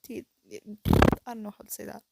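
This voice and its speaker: A teen girl vlogs briskly and casually into a phone held close, her breathy voice stuffy-nosed and lisping slightly because of her retainers. She hesitates a lot, thinking aloud with frequent fillers and restarts, while heavy background noise fills the recording.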